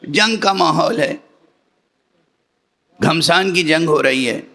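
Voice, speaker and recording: A man's voice: fairly high pitch, gravelly, bright, forceful tone. A man, a religious scholar, delivering a Muharram majlis sermon in a teacherly way, explaining each point step by step and checking in with the audience through rhetorical questions.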